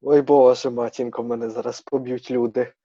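Here a young man hosts a casual podcast in a playful, teasing way, now and then slipping in Russian words. His voice is dark and a little husky. It sounds dry and slightly dull, as if recorded close on a modest mic. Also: mid-range voice, flat delivery, moderate pace, no room sound. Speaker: podcast host.

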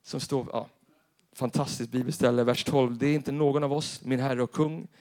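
A man preaching a sermon in a church, animated and storytelling, acting out characters as he goes. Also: mid-range voice. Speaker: pastor.

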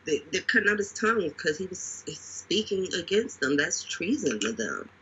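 A man talking casually with a very husky, bright voice. He retells things dramatically and leans on repetition. The recording sounds dull and lo-fi. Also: sits high, very animated, moderate pace. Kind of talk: casual conversation. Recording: dull lo-fi audio.

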